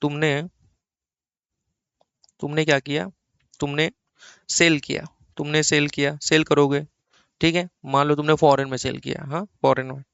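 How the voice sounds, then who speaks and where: A man teaches an accounting class, keeps repeating questions and acts out little dialogues. His voice sits a little high, with a gravelly edge over a smooth, resonant tone. The recording is dry and dull, with a muffled lo-fi quality. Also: level tone, a little slow, pauses often, a bit bright, dry recording. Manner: repeats questions to coax answers. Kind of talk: classroom lecture.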